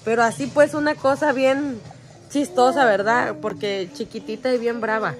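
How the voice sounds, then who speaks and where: A young mother and vlogger chats casually to her phone camera in her bedroom at home, teasing and occasionally swearing. Her voice is a little high, with fairly even intonation and a moderate pace.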